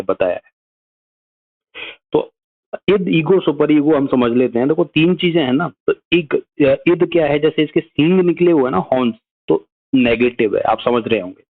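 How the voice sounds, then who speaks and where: A man explaining psychology in a casual video lesson, often checking in with his viewers. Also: mid-range voice. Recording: narrow phone-like sound.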